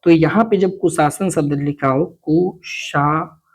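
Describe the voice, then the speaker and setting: A man teaching Hindi grammar in an exam coaching lesson. He explains each step slowly, keeps checking that students follow, and answers for them in their own words. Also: on the high side, husky. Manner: voices students' replies; casual and familiar with students.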